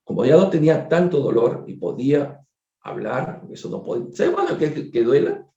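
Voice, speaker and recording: A doctor telling a case story during a spiritist book study, conversational and digressive, repeating words and turning to his listeners with quick asides. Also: mid-range voice, sing-song, warm tone. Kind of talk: storytelling lecture. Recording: echoey room, dull lo-fi sound.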